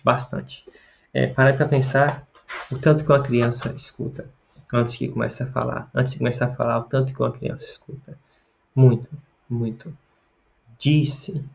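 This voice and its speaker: With a creaky, medium-pitched voice, a northern Brazilian Portuguese speaker from Pará hosts a language-learning video, casually explaining to camera, rambling and repeating words for emphasis. The recording is a bit dull and lo-fi.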